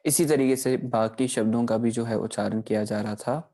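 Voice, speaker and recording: A man giving a recorded lesson on pronunciation, explaining patiently and often pausing to check in with his listeners, slowing down to sound out example words. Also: mid-range voice, steady tone, dark tone. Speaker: teacher. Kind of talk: recorded online grammar lesson.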